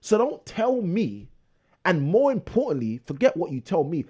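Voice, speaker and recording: A man's voice: high-pitched, big pitch swings, normal speed, warm tone, slightly rough. A man hosting a live property investing show, delivering a preachy motivational monologue that repeats phrases for emphasis.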